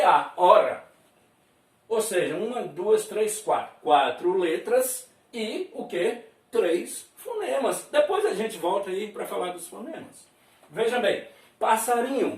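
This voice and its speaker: A Brazilian man teaching a lesson at a board, explaining slowly, drawing out sounds and chuckling often. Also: high voice. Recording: roomy and distant from the mic.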